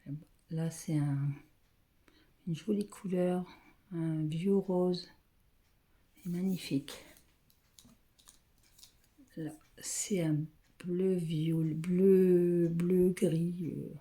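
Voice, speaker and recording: A woman filming on her phone at home, talking softly and often half-whispering, hesitant and repeating herself as she names colors. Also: fairly low pitch, fairly even intonation, drawn-out words, pauses often. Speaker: craft vlogger showing thread colors. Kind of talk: casual show-and-tell. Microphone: phone camera.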